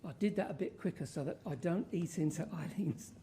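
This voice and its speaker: A woman's voice: on the low side, fairly quick, warm tone, slight background noise. A woman giving an informal research presentation to an audience, using rhetorical questions and emphasis. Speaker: conference speaker.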